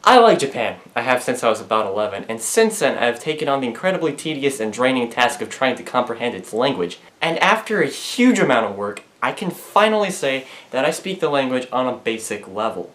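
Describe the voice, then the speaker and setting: A man's voice: medium pitch, sing-song, fairly quick, hardly any pauses, fairly bright tone. A young man presenting a comedic explainer video in a dry, sarcastic, self-mocking way. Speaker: student presenter. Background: music.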